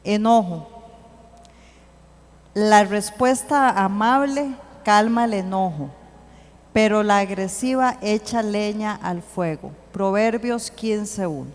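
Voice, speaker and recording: A woman giving an earnest church teaching, slowing to read scripture aloud. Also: mid-range voice. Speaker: church speaker. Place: church hall. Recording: long hall reverb.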